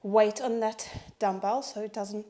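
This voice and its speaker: A woman's voice: medium pitch, steady tone, measured pace, mellow. A woman leading a Pilates strength workout, out of breath as she cues each move, counts reps and encourages. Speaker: Pilates instructor. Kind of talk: guided workout instruction.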